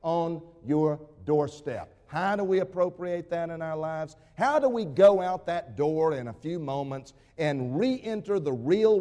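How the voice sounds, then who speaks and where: A pastor preaching a dramatic sermon, full of rhetorical questions, rising to a raised voice and dropping to a hush. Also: male voice, on the high side. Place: church sanctuary. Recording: long reverb of a church sanctuary.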